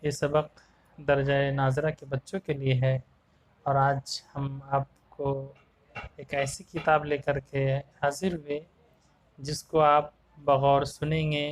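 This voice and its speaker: A man teaching a tajweed lesson to young children, explaining each term, repeating it slowly and sounding out single Arabic letters one by one. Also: a little high, little pitch movement, no room sound, poor audio. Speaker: Quran teacher.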